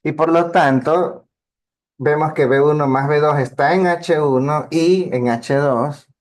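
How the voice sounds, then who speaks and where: A man's voice: a little high, a little slow. A man teaching a math lesson, explaining patiently step by step and checking in with his students. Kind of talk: lecture on linear algebra.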